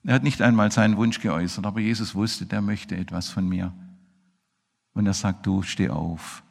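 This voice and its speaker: Gravelly-voiced man preaching in an echoey church. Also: steady tone, normal speed. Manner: emphatic, swinging between loud outbursts and low murmurs. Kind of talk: sermon. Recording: echoey hall reverb.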